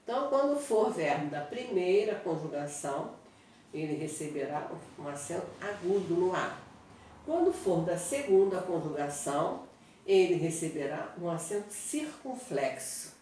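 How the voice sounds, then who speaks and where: Brazilian woman teacher for a home-recorded online lesson, unhurried and methodical, heard from a distance in a very echoey room. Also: fairly low pitch, very animated, mellow. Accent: Brazilian Portuguese. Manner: slow, explanatory, repeats examples and checks with "tá?". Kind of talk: online grammar lesson at a whiteboard. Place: small room at home with a whiteboard. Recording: echoey room, mic at a distance, faint noise.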